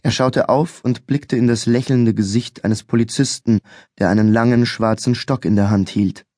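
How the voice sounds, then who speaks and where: A man reading a thriller audiobook in a measured, clear storytelling manner. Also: mid-range voice, fairly even intonation, darkish tone, dry recording, studio quality. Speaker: audiobook narrator. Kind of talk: scripted audiobook narration. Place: recording studio. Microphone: close studio mic.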